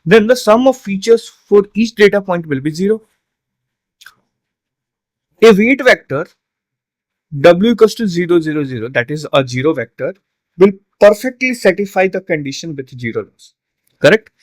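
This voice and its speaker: A man's voice: sits high, expressive, normal speed, long pauses, no room sound. A man tutoring an exam solution, explaining step by step with frequent fillers and tag questions, a little tired. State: yawning, tired. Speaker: online tutor.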